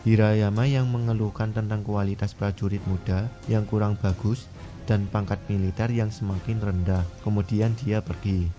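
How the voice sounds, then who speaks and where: Low, flat-toned male narrator. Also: normal speed. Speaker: film recap narrator. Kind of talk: scripted story narration. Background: music.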